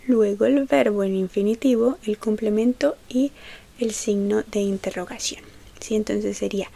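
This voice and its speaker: A woman giving a slow, gentle, soft-spoken ASMR lesson, explaining patiently and checking in often. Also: mid-range voice, vocal fry. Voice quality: soft, partly whispered. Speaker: English teacher.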